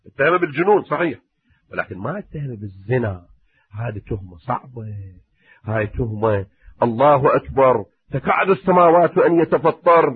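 A man's voice: medium pitch, no echo. Male preacher, impassioned storytelling, dry tinny lo-fi sound. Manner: impassioned, swings from loud warnings to hushed asides. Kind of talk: sermon storytelling. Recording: muffled, narrow phone-like sound, husky and dry.

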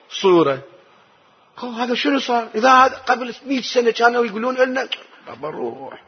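A man's voice: high voice, gravelly, breathy edge. A man with an Iraqi Arabic accent giving a lesson explaining the Quran, asking rhetorical questions and answering them himself. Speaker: religious teacher. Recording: dull lo-fi recording.

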